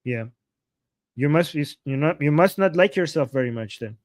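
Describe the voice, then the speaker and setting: A man's voice: a little high, animated, moderate pace, no room sound, clean studio sound. A man from Iran with an Iranian accent, hosting a live political reaction stream in an argumentative, insistent way, repeating points and asking rhetorical questions. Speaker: livestream host.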